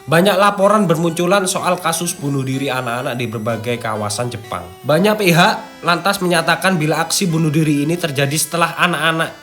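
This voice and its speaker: Here a young East Javanese-accented host delivers a mix of scripted lines and casual, slangy chatter over background music. He sounds brisk and a bit bright, pitched fairly high, barely pausing at all.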